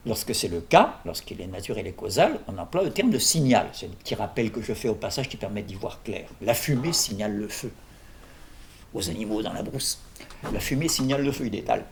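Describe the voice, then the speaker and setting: A man with a low, creaky voice lectures on philosophy at an informal workshop, wandering into jokes and questions for his audience. A little hiss or hum sits in the recording.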